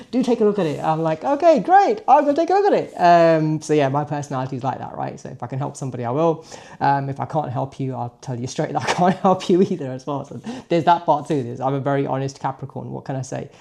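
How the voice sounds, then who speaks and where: His voice is on the high side, mellow and touched with vocal fry. The man, a car vlogger in his late forties and native Punjabi speaker, gives viewers an informal, chatty daily vlog monologue, often ending lines with a questioning tag.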